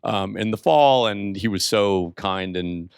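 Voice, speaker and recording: In a lowish, resonant, clear voice with vocal fry, a man unhurriedly welcomes guests to a university talk on the entrepreneurship floor. The executive director and event host keeps it chatty and jokey with plenty of fillers, speaking into a handheld microphone with clean studio sound and no room echo.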